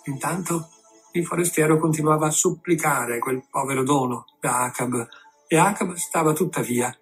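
Male narrator, classic novel reading, slightly high voice, soft music under it. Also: normal speed. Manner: steady literary reading.

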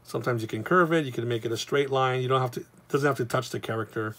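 Chatty comics teacher. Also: male voice, mid-range voice, quick pace, fairly bright tone. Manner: rambling, loose and chatty, with many fillers. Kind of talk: casual drawing tutorial.

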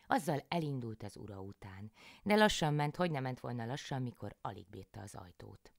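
A woman reading a folk tale aloud as a bedtime story, calm and measured, close to the microphone. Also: extremely low pitch, gravelly, no room sound.

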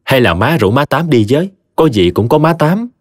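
Timid worried young daughter-in-law, voiced by a male narrator, hesitant and pleading, slightly raised pitch, dry sound. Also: expressive, fairly quick, no echo, natural voice. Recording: dry voice with faint music.

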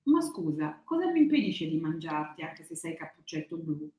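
A woman's voice: deep voice, big pitch swings, moderate pace, warm tone. A woman voicing a hungry, stubborn male wolf who talks bluntly and greedily. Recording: echoey room.

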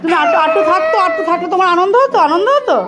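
A woman's voice: very high voice, big pitch swings, racing. A woman filming her crying child at home in a casual family vlog, coaxing and soothing him in repetitive, sing-song baby talk. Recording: loud background noise, home video.

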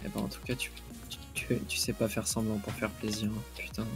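A man's voice: fairly low pitch, flat delivery, fairly quick. A man chatting with a streamer while they play, teasing him with crude banter. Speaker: fellow player. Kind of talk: casual gaming chat. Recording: music playing under the voice. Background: background music.

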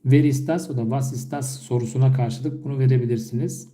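A man whose first language is Turkish, teaching basic German phrases during a live stream and repeating each one slowly and carefully. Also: medium pitch, fairly even intonation, warm tone, roomy sound. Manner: slow, careful repetition of phrases.

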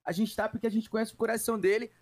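A man's voice: high voice, little pitch movement, very fast. A man on a gaming stream emphatically thanking a friend in front of the chat. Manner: grateful, emphatic. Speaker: streamer guest. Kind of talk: casual thankful speech.

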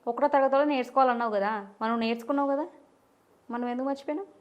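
Fast-talking woman quizzing a child. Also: high-pitched, lo-fi sound. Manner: quizzing, coaxing questions. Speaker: interviewer. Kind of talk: casual interview with a child.

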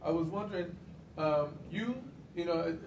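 A man's voice: a little high, measured pace, creaky, background noise. A male reporter asking the coach a long, wordy question at a press conference. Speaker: radio reporter. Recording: echoey room, far from the mic.

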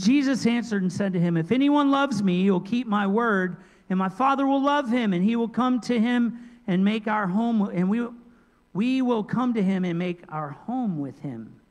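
Middle-aged male pastor, high voice, lively sermon delivery, handheld mic, long church echo. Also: a little slow. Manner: lively preaching, jumps between loud emphasis and quiet asides. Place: large church sanctuary. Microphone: handheld microphone.

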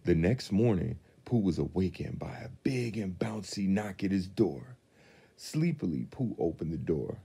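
A man reading a storybook aloud in a deep, gravelly voice, very mellow and dark in tone. He reads with lively, animated expression, rising and falling across the lines, and a husky grain. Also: unhurried. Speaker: Santa storyteller.

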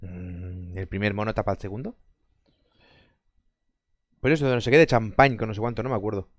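A man's voice: on the high side, a bit bright, dry recording. A man from Spain is chatting on a live stream, reading and answering his chat. He is sarcastic and jokey, laughs a lot and swears freely. His voice swings up and down, and the close mic sounds dry with no room around it.

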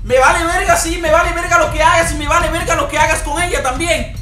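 A man's voice: very high voice, steady tone, quick pace, roomy sound, music in the background. A man playing a furious cursing Dominican wife. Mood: furious scolding. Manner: shouting, cursing, scolding. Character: furious jealous Dominican wife, young adult.

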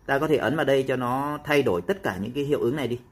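A man explaining a phone app step by step in a casual tutorial, with frequent pauses and fillers. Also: mid-range voice, breathy edge.

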